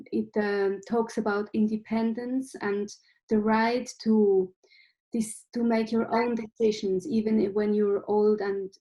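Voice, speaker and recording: Speaking from her bookshelved room at home via laptop webcam, a forties-aged Swiss film director has a fairly high, warm voice captured in low quality. She is reflective in manner, frequently starting over and filling pauses.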